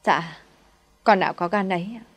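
A woman's voice: on the low side, normal speed, natural voice. A woman voicing a poor, humble old mother who pleads tearfully. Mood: desperate.

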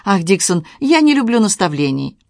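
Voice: medium pitch, very animated, moderate pace, vocal fry, no echo, clean studio sound, pitched above the performer's own voice. A reader voicing Eleanor, a tearful, impulsive young girl, in a plaintive, raised voice in a storybook reading. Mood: upset.

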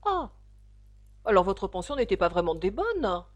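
A woman voicing a sighing, mournful sea creature in a storybook reading, with a lively, plaintive lilt. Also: mid-range voice, normal speed, dry recording, lightly acted.

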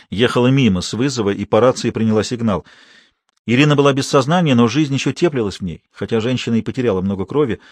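Man with a dry, steady reading voice. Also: mid-range voice, no echo. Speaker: audiobook narrator. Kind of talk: audiobook narration.

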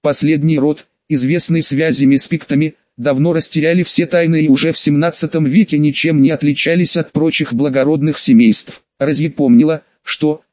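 A man narrating an audiobook in a steady, even storytelling manner. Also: on the high side, normal speed, few pauses, no room sound, dull audio. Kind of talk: scripted narration.

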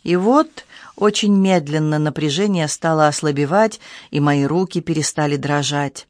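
A woman reading a mystery novel aloud as an audiobook narrator, in a measured, even storytelling manner. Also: low-pitched, dry recording, clean studio sound. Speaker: audiobook reader. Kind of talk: scripted narration.

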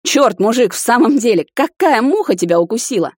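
A woman's voice: mid-range voice, animated, brisk, darkish tone, no room sound, studio quality, close to an everyday voice. A woman voicing a young male prince who pleads with his angry friend, his voice raised. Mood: pleading. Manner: raised, appeasing.

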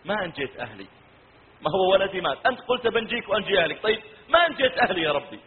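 A man's voice: high-pitched, very animated, racing. A man preaching voices a grieving elderly prophet who pleads earnestly for his drowned son, heard through a tinny recording in a reverberant hall. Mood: pleading.

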